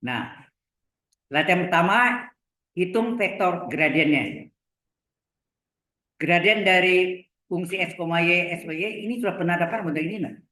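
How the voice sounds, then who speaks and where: A middle-aged man lecturing on engineering mathematics, talking slowly, repeating terms and checking that the class follows. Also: high voice, animated, bright, forceful tone. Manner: slow, repeats terms, asks checking questions. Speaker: university lecturer. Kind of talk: live lecture on vector calculus. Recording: echoey room.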